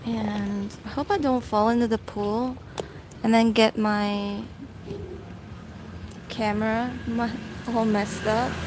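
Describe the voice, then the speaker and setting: Slow-paced woman vlogging casually by a pool. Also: a little high, fairly even intonation. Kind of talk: casual live chat to viewers. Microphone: handheld vlogging phone. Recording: noisy poolside ambience on phone mic.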